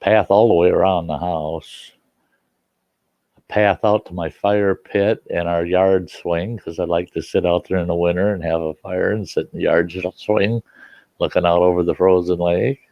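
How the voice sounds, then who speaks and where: An older man, 60s or older, hosts a casual livestream from home, reminiscing in a folksy, rambling way with a slightly stuffy nose. His low voice is fairly even at normal speed, in dull audio with no room sound.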